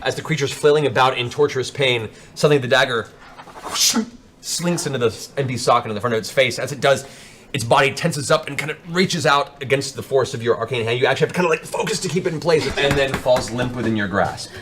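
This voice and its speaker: With music running beneath his voice, a male game master dramatically describes the action of a fantasy tabletop session. He has a medium pitch, speaks fast, and sounds a bit bright.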